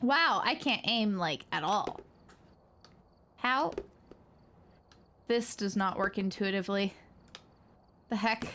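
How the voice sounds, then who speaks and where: Brief: young female streamer host, unhurried delivery, chatty and theatrical, giggles a lot. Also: mid-range voice, pushed and bright, a little hiss or hum. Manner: chatty, laughs often, dramatic reactions. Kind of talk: casual live-stream chat while gaming.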